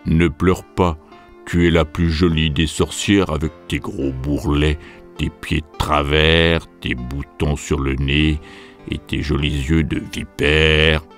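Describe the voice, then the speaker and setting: Man playing a low, steady daddy hippo, slow and soothing, storybook. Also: faint music behind. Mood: gentle. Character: fatherly male hippo, calm and steady.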